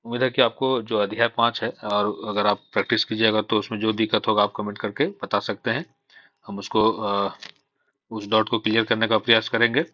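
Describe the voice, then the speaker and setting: A man's voice: on the low side, little pitch movement, a little fast, dry recording, dull audio. A man teaching a shorthand lesson, patiently explaining step by step and asking himself questions before answering them. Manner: mixes English terms into Hindi. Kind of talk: classroom-style lesson.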